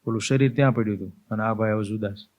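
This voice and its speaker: A man's voice: on the low side, fairly even intonation, racing, a little mellow. A man, a swami, giving a spiritual discourse as vivid storytelling and acting out scenes. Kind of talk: spiritual sermon.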